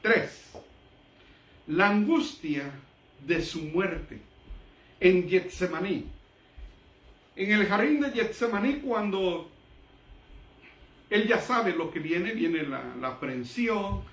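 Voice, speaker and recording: A man with a high voice delivers a sermon, reading Bible verses and explaining them with emphatic pauses. His voice carries from a distance through an echoey room. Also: expressive, a bit bright. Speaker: preacher.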